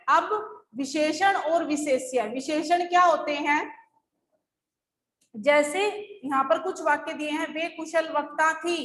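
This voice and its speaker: A woman's voice: high voice, fairly bright tone, echoey room, a little hiss or hum, poor audio. A woman schoolteacher going over lesson answers, explaining patiently step by step. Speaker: school teacher. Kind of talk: recorded class lesson.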